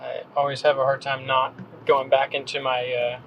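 In a casual conversational interview, this thirtysomething North Carolina man, a podcast guest, speaks at normal speed in a medium-pitched, completely flat voice. He hesitates, rambles, and often says um or restarts, and the lo-fi recording has a faint hiss or hum.

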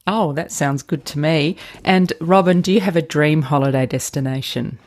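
A middle-aged woman with a low voice hosts a podcast interview. She asks light questions in a chatty, friendly way and fills the gaps with short agreeing sounds. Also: normal speed, a little mellow. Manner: friendly, brief acknowledgements, chatty. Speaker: podcast host.

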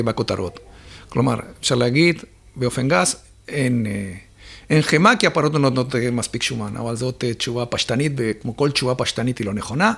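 Gravelly husky man explaining dairy farming. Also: medium pitch, a bit bright. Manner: explains step by step with many filler pauses. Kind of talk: explanatory interview talk.

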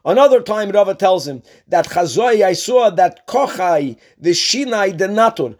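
High-pitched man teaching. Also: expressive, moderate pace. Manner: explanatory, repeats and rephrases points. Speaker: religious teacher, rabbi giving a Talmud class. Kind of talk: Talmud lesson, reading and explaining.

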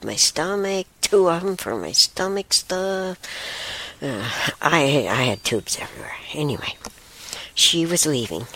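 A woman hosting a talk show, telling a spiritual story in a rambling way, with soft whispered asides. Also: extremely low pitch, husky. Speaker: show host.

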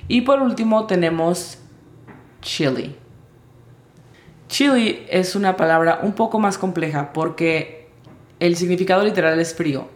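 Slow, careful woman teaching English words. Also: deep voice, roomy sound. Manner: slow, careful spelling of sounds. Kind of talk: vocabulary lesson.

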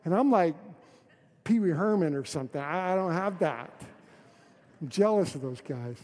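A middle-aged man preaching a sermon as a pastor, telling stories with lots of restarts and animated bursts. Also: a little high, moderate pace, long reverb tail. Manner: animated storytelling, many restarts.

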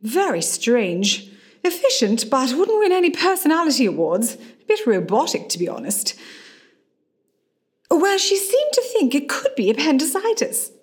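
Here she plays the same hospitalized star, a witty, self-possessed actress in her forties, for a radio drama. Her high voice swings widely in pitch at a moderate pace, and the mood stays breezy and reassuring while her delivery is wry, dry, theatrical and affectionate.

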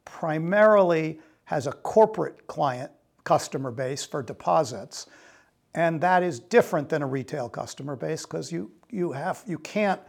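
An older man answering conversationally as an expert guest, explaining in a somewhat halting way. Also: on the high side, creaky. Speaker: investment firm founder, podcast guest.

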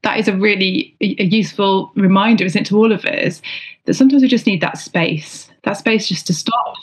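A woman from Britain co-hosting a wellbeing podcast, speaking calmly and reflectively, repeating phrases for emphasis. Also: mid-range voice, fairly quick. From United Kingdom. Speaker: podcast co-host. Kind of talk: casual podcast discussion.

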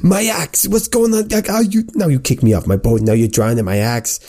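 A man's voice: mid-range voice, fairly even intonation, fairly quick, dark tone, voice pushed up, natural voice. A man voicing an aggrieved, fretting sailor who exclaims in protest in a tabletop game. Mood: aggrieved, alarmed. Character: aggrieved male sailor fretting over his belongings.

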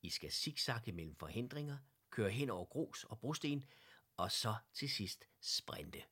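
A man voicing a friendly male teddy bear who coaches the others in cycling, giving calm, encouraging instructions. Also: lowish voice, breathy edge, heavily acted. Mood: instructive.

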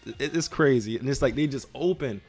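A man who talks fast and excitedly in a casual podcast chat. He leans on "you know what I mean" and runs his thoughts together quickly. Faint music plays behind him. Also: medium pitch. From Philadelphia. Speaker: podcast co-host.

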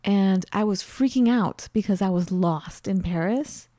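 Animated woman telling a story. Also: mid-range voice, measured pace, dry recording, clean studio sound. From studied in England. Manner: animated, laughs often while telling stories. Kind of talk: casual storytelling chat.

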